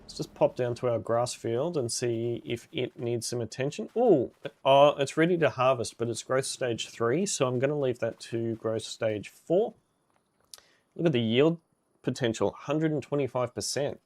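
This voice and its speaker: A man's voice: mid-range voice, moderate pace, darkish tone. A man streaming a game live, chatting casually with viewers and reacting with upbeat exclamations.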